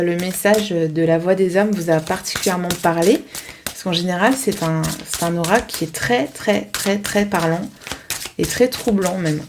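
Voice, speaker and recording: A woman's voice: mid-range voice, noisy background. Woman doing a tarot reading. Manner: hesitant, many restarts, reads oracle texts aloud. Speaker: tarot card reader. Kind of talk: casual tarot reading to camera.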